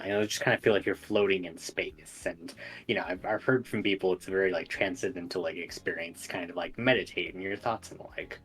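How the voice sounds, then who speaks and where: Male game master, low husky voice, halting improvised narration over faint music. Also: fairly bright tone, low-quality recording.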